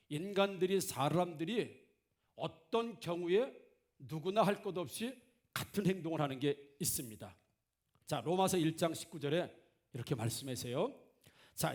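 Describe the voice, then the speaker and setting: Korean male pastor preaching a sermon. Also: a little high. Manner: asks the congregation questions and answers them himself, acts out quoted voices. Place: church sanctuary.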